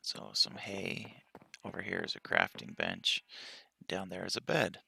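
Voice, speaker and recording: A man giving a relaxed tour of his game world with a just-woken-up morning voice, pausing often and speaking softly. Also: sits low, vocal fry, a little hiss or hum. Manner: relaxed walkthrough with frequent pauses and fillers. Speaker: game player.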